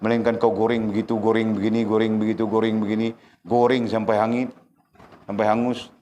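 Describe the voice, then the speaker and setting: A male religious teacher lectures a class in a fairly low voice. He is animated and keeps checking that his listeners follow with quick rhetorical questions. Faint noise sits under the recording.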